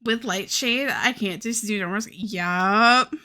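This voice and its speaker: Drawing on a live stream, a young woman with a Southern US accent rambles casually and frequently swears and laughs. She speaks unhurriedly in a mid-range voice with a sharp tone.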